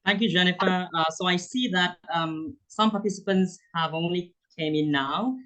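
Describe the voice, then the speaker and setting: A young man, a student intern, moderating a virtual panel with formal, halting introductions. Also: high-pitched, fairly bright tone, low-quality recording. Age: young adult.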